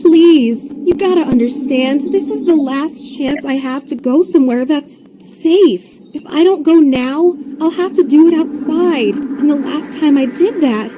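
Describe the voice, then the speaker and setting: A man voicing a desperate woman who begs in a raspy, pitiful voice. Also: very high-pitched, measured pace, few pauses, background noise, pitched above the performer's own voice. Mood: pleading. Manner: pleading, pitiful.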